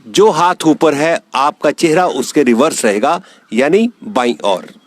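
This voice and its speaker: A man guiding a yoga relaxation class, speaking slowly and calmly with soothing instructions and long pauses. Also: a little high. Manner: slow, calm, soothing guidance with long pauses. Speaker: yoga teacher.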